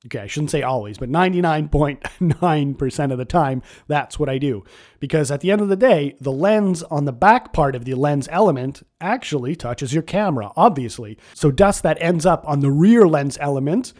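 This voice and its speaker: Man, podcast host, nasal from a cold, slightly scratchy, fairly high voice, chatty. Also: darkish tone. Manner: chatty and emphatic. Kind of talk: casual podcast talk.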